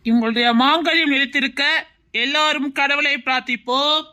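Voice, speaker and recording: A woman's voice: high-pitched, fairly even intonation, bright, forceful tone. A woman playing a formal church pastor. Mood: solemn. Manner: slow, formal officiating cadence. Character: male church pastor performing a wedding. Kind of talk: Tamil web-series drama acting.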